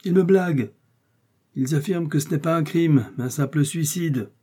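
A man's voice: a little high, normal speed, mellow, slightly rough, pitched above the performer's own voice. A man reading an audiobook, voicing an agitated middle-aged police chief who talks nervously and complains. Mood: exasperated.

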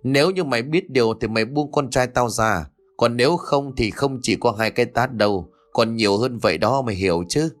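A man's voice: mid-range voice, a little fast, few pauses, lightly acted. A man voicing a fierce older mother-in-law who scolds harshly, in a spoken ghost story. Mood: furious scolding.

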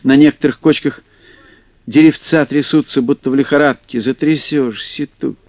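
A man narrating a fairy tale in an expressive audiobook style, in a dull dry recording. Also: medium pitch, normal speed, no room sound. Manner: animated, acting out character voices. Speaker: storyteller.

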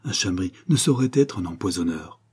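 A man reading an audiobook, voicing a countess who pleads in distress, in a raised, husky voice. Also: low-pitched, expressive, moderate pace, a little mellow. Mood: distraught. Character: anguished noble countess, grown woman, devoted wife.

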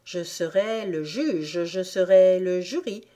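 A woman voicing a sly, bored male dog who plays judge, in a brisk commanding manner. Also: on the low side, warm tone.

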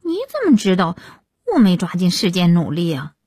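A woman voicing a sulky high school girl who mutters back at her mother. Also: very animated, moderate pace, dark tone, breathy edge, dry recording, clean studio sound. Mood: sullen. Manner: sullen muttering.

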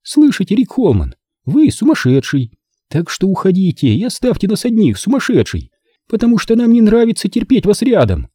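A man reads as a tense, mocking young woman, her voice raised high and strained, swinging widely in pitch. The tone stays husky and dark underneath, in a dry, close reading for an audiobook. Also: wildly swooping pitch, moderate pace, no room sound, heavily acted. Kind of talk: audiobook character voice.

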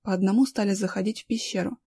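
A woman narrating a children's story aloud in an even, clear storytelling manner. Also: medium pitch, fast, dry recording, studio quality.

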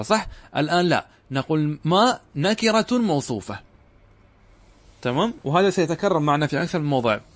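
A middle-aged man lecturing on Arabic grammar, explaining step by step and asking his students questions that he then answers himself. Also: fairly high pitch. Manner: addresses students directly and urges them to pay attention. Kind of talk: classroom lecture.

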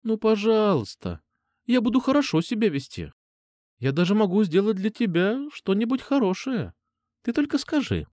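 A man reading an audiobook, voicing a sweet, coaxing schoolgirl who pleads softly. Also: high voice, very animated, normal speed, no echo, clean studio sound, pitched above the performer's own voice. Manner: pleading, soft. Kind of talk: audiobook character voice.

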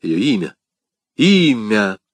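A man's voice: lowish voice, big pitch swings, a little fast, a little mellow, dry recording. A man playing a frantic young swordsman. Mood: alarmed. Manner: urgent, crying out. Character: passionate young male swordsman, frantic and desperate.

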